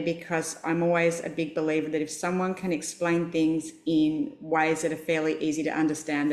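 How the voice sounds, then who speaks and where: Chatty Australian woman host, roomy sound. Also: fairly low pitch. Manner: enthusiastic, chatty, laughs easily. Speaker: podcast host. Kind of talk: friendly interview introduction. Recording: roomy echo.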